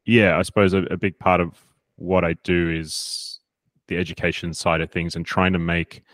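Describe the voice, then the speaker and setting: Man, thirties, deep, relaxed guest. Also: no room sound. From South Africa. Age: 30s. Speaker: fitness coach guest. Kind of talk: casual interview.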